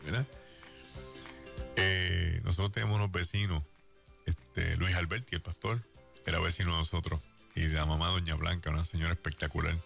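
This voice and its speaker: A man with a Puerto Rican accent preaching a sermon, telling stories in a lively way and acting out the voices he quotes. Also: deep voice, moderate pace, gravelly, soft background music. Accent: Puerto Rican Spanish. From Puerto Rico.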